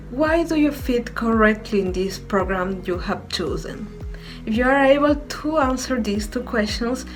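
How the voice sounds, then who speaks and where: A woman's voice: on the high side, rough recording. Earnest young woman giving advice. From Ecuador. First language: Spanish. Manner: earnest, encouraging, explanatory. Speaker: vlogger, master's student. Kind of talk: advice vlog to camera.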